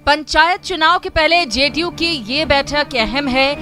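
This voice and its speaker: Female field reporter, formal voice-over, high, music bed underneath. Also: a little slow.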